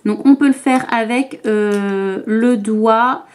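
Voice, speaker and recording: Slow, chatty woman doing a makeup tutorial. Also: on the high side, darkish tone. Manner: chatty, hesitant with many fillers. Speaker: beauty vlogger. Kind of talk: makeup tutorial talk to camera.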